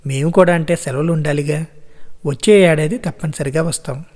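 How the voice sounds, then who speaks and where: A man's voice: a little high, brisk, darkish tone, natural voice. A man voicing a polite, busy young father who speaks reassuringly, in an audiobook story. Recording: long reverb.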